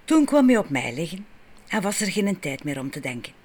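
A Flemish woman narrates a first-person audiobook. Her storytelling is frank and wry, intimate and unhurried in tone. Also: lowish voice, sing-song, a little mellow.

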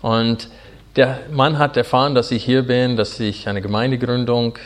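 A pastor in his forties from Arkansas, with an American accent and English as his first language, preaching in earnest, halting German full of fillers. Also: medium pitch, fairly even intonation. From Arkansas, USA. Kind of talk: sermon.

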